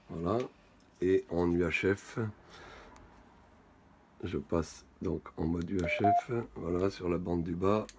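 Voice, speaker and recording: Male technical demonstrator, low voice, measured and factual, with clear background noise. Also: a little mellow. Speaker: radio enthusiast presenting a live equipment test. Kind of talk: spoken technical demonstration commentary. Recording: clearly noisy, radio hiss.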